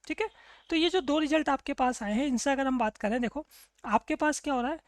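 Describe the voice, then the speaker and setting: Quick lady teacher explaining maths, keeps asking "clear?". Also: sits high, no room sound. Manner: asks and answers her own questions, "clear?" checks. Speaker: math teacher. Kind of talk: explaining a math problem on a board.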